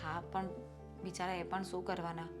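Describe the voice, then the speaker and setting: An actress playing a patient, worried wife and elder sister-in-law who reasons calmly about family troubles. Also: female voice, lowish voice, moderate pace, soft background music, lightly acted. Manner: calm, reasoning, then pushing back. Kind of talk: family drama acting.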